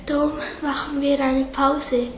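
Earnest caring girl, storybook, woman reading, high, echoey. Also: level tone, a little slow, a little hiss or hum. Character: caring girl, granddaughter of a forester.

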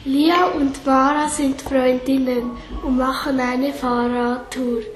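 Woman, story reader, slow careful reading, echoey room, faint hiss. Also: sits high, level tone.

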